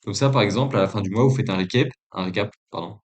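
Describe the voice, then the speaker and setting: A man's voice: fairly low pitch, rapid-fire, a little mellow. A man giving a casual trading lesson. He speaks in an informal, hesitant way with many fillers, and he has a non-native French accent. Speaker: trading coach.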